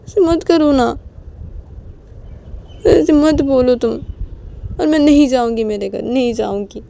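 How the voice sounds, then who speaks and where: A woman's voice: normal speed, creaky, warm tone, slightly rough. A woman doing a pleading young wife. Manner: pleading, high-pitched apologies.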